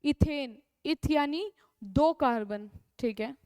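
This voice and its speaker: A woman's voice: high-pitched, slow pace, a little mellow, dry recording. A young woman with a North Indian accent teaching a chemistry class, repeating key terms and answering her own questions. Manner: calls students "beta", coaxing. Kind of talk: classroom lecture.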